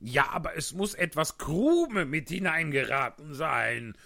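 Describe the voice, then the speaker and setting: Brief: blustery hatter, raised and emphatic, drawn-out, man reading. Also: on the high side, big pitch swings, creaky, pitched above the performer's own voice, heavily acted. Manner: loud, emphatic, grumbling. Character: excitable grumbling male hatter. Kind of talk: storybook reading.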